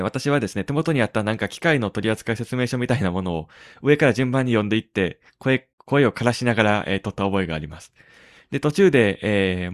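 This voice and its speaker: A man hosting a tech podcast in casual talk, pausing often on drawn-out fillers between phrases. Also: mid-range voice, dry recording, studio quality. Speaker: podcast host.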